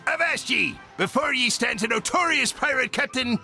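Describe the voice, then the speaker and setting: A man voicing a scheming, hammy pirate captain with a stage pirate accent in an animated game cutscene. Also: very high voice, normal speed, gravelly, faint music behind, exaggerated voice. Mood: boastful, sly. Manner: hammy, wheedling.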